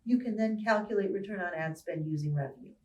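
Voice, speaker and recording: A woman professor giving a recorded lecture on marketing, explaining clearly and stressing key words deliberately. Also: mid-range voice, mellow, highs cut off. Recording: roomy sound from a distance from the mic.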